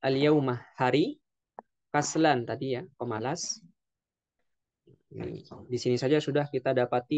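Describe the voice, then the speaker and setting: A man teaching an Arabic vocabulary lesson, explaining slowly and repeating words with frequent fillers. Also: mid-range voice, a little mellow, no echo, dull audio. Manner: slow, repetitive explaining with frequent "ya". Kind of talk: classroom lesson.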